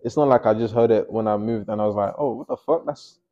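Fast and fairly low-pitched, this young man from Nigeria paints in a small home studio while hosting, and the highs are cut off in the audio. He's relaxed and chatty, often mumbling under his breath as he works.

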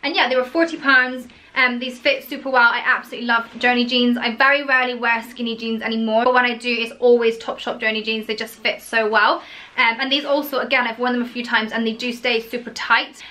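A woman's voice: a little high, steady tone, a little fast, sharp tone. A young woman in her twenties, chatting casually and gushing about clothes in a home haul vlog, full of "like" and "so". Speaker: fashion vlogger.

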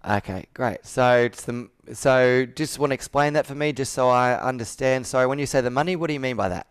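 A man in his thirties, with a mid-range, smooth voice and a fairly quick pace, coaches a sales roleplay over a video call. He asks probing questions and repeats the answers back, speaking from an indoor room with a whiteboard.

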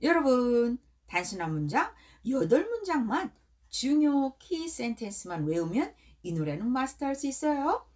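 A woman teaching English pop song lyrics, slowly modeling phrases and explaining them quickly. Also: high voice, sing-song, a little mellow.

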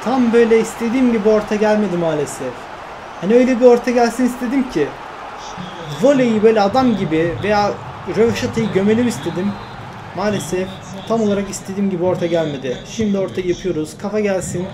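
An excitable man talks through a football video game match at a desk microphone, fretting and shouting at his teammates. His voice sits high for a man. A steady noisy hiss runs behind the recording. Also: quick pace. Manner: excitable, shouts at his teammates, groans when things go wrong. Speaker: gaming YouTuber. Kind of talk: live commentary over a football video game career.

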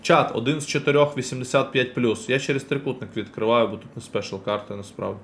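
A man's voice: medium pitch, fairly even intonation, a little hiss or hum. Chatty male streamer talking to chat. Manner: chatty, addresses chat directly, quick reactions. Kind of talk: casual live-stream commentary while opening packs.

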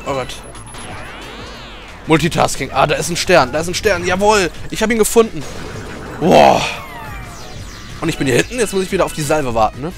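A man giving excited gameplay commentary with a high, wildly swinging voice and a gravelly edge. He swears, cheers and yells at the screen, and faint game music plays behind him. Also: moderate pace, pauses often. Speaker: let's play gamer.

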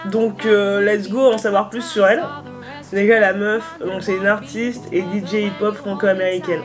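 A woman with an eastern French accent, chatting casually about music. She rambles excitedly in slang and uses lots of fillers. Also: mid-range voice, unhurried. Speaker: music YouTuber. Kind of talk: casual chat, music review. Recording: music playing clearly behind the voice.

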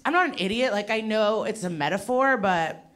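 A woman in her thirties speaks at a medium pitch, animated and brisk, doing stand-up on a handheld mic in a small, dim venue. Her set is rambling and conversational, with crowd-work asides, and loud audience laughter fills the recording.

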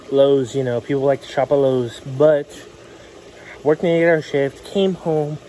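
A chatty young man talks straight to his camera in a casual vlog, his voice sitting a touch high. He is outdoors by a backyard pool, and a faint hiss runs underneath. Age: young adult. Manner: chatty, jokey, yells out loud now and then. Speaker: vlogger.

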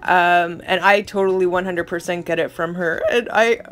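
A woman's voice: fairly low pitch, fairly even intonation, normal speed, fairly bright tone, soft background music. A middle-aged woman giving a casual, rambling voice-over of her art process, chatty and self-admittedly dramatic. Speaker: art vlogger.

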